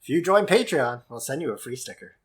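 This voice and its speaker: A man's voice: mid-range voice, big pitch swings, fairly quick, breathy edge. A man co-hosting a casual podcast chat, joking around and laughing often. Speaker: podcast co-host.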